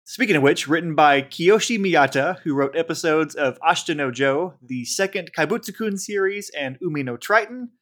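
A podcast host chats casually in a lively, fairly bright voice on the high side, at a normal pace with barely any pauses. He laughs often and stumbles slightly while reading the episode credits.

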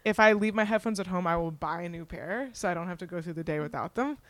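Lower-voiced young woman, chatting casually. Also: quick pace, a bit bright, no room sound. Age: young adult. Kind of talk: casual chat.

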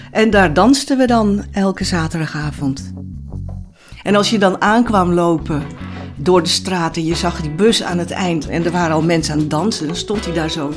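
Older woman, chatty, hesitant, reminiscing in interview. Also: on the low side. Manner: chatty, hesitant, many fillers and restarts. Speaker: former commune resident.

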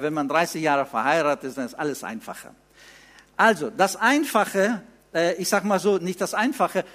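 A man in his fifties preaching a sermon in German, teaching with rhetorical questions and emphatic repeated phrases. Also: high voice.

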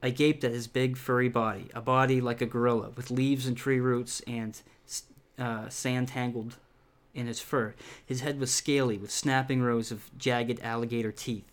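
Reading a kids' horror book out loud, this man speaks at a moderate pace with few pauses, his medium-pitched voice staying level. The reading is casual, peppered with laughs, offhand remarks and plenty of filler words.

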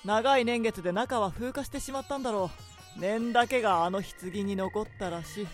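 In a radio drama recorded in a studio with background music, a woman plays a haughty, short-tempered young prince barking brusque, imperious orders while grudgingly explaining. Her lightly acted, medium-pitched voice moves at a moderate pace.

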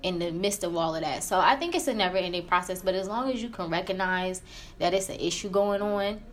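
A woman's voice: fairly low pitch, brisk, a little hiss or hum. A woman co-hosting a podcast in casual chat, talking in a candid, colloquial and emphatic way. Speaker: podcast co-host. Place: room in a library.

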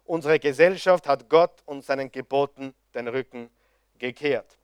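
A man's voice: medium pitch, moderate pace, smooth, no room sound, studio quality. A man preaching a sermon, impassioned and firing rhetorical questions at his audience.

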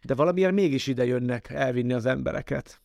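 A man's voice: medium pitch, gravelly, darkish tone, no room sound, clean studio sound. A man hosting a casual interview, thoughtfully building long questions step by step. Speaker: podcast interviewer, host.

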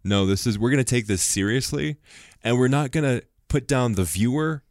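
A man co-hosting a podcast in casual chat, acting out quotes in quick asides. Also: medium pitch, animated, darkish tone, no echo, studio quality. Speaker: podcast co-host.

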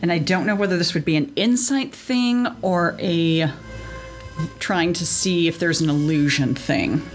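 A woman playing a tabletop game, chatting casually and deliberately as she thinks aloud. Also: fairly low pitch, soft background music.

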